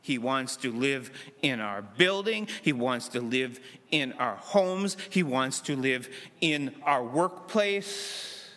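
Slow, lively preacher man with bright voice. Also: medium pitch. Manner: dramatic, voices God and Moses in lively asides. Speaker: pastor. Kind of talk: sermon. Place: church sanctuary, at a pulpit. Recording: long church reverb.

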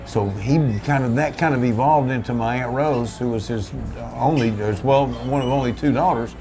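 A man's voice: mid-range voice, moderate pace, music in the background. An older man tells the story of his family's restaurant in a loose, folksy ramble, often restarting his sentences. He talks seated at a table in a small back room, recorded by a camera set in front of him. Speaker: restaurant owner. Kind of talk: relaxed storytelling interview.

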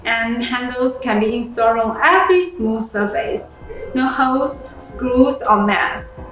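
Brief: young female product presenter, fairly high voice, scripted read, heavy room echo, music behind. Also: a little slow. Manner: reads a script, plain and steady, with non-native phrasing. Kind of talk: reading a product review script. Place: small room indoors. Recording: very echoey room with background music.

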